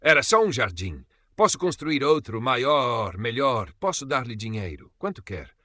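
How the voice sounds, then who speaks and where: A desperate middle-aged crime boss, put on by a male narrator with a European Portuguese accent, pleading and bargaining in a storybook crime tale. The voice rides high and tight above the narrator's own, bright and forceful. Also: wildly swooping pitch, moderate pace, slightly rough, no room sound, clean studio sound, heavily acted. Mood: terrified, bargaining.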